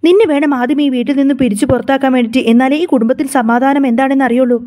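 A woman plays a scheming middle-aged mother of two who pours out accusations in a high, rapid voice. Her tone stays mellow and dark under the wailing complaints, with a quick, breathless delivery. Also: steady tone, lightly acted.

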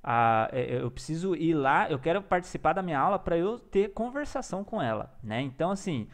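A man's voice: fairly high pitch, very animated, a little fast. A young man teaching in a casual, enthusiastic vlog-style lesson, peppering his talk with slang and tag questions. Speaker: language learner and teacher.

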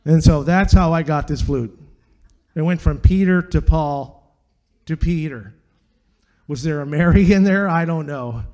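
A man's voice: fairly high pitch, unhurried, long pauses, darkish tone. An older man telling a rambling, casual story about a flute, chatty and easygoing. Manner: rambling, chatty, quotes people with dude and man. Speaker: flutist.

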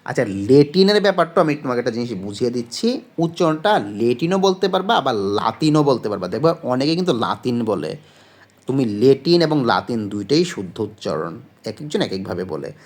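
A man talks students through exam questions in a relaxed spoken lesson. His voice sits at an ordinary middle pitch, and he pauses often on fillers. He keeps posing questions and answering them himself. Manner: explains patiently, asks and answers own questions; frequent hesitation fillers. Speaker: exam-prep tutor.

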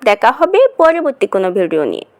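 A woman, a Bengali speaker, giving a pronunciation lesson in a vlog, mixing Bengali and English and repeating each model word slowly. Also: on the high side, very animated, dry recording.

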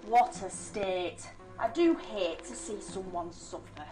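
An actress playing a sly, sinister older care-home worker, chatty and sweetly menacing. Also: female voice, medium pitch, slow, far from the mic, music in the background, lightly acted. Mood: gleefully chatty. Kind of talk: horror game acting.

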